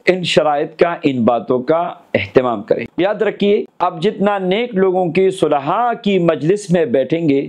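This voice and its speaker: A man giving a religious lesson in speech, preaching in a measured way, lifting his voice on key phrases and then letting it fall low, and listing points in steady repetition. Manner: lists items in steady repetition. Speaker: Islamic cleric.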